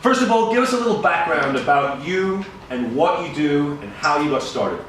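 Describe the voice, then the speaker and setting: A man's voice: a little high, lively intonation, moderate pace, fairly bright tone, recorded from a distance, slight background noise. A man hosting a live interview in front of an audience, upbeat and wordy like a presenter. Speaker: event host interviewer. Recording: echoey room mic heard from afar.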